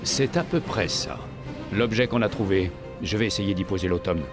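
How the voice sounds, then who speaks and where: An actor playing a grave, resolute warship captain in dramatic video game dialogue. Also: male voice, fairly low pitch, expressive, normal speed, music in the background, natural voice.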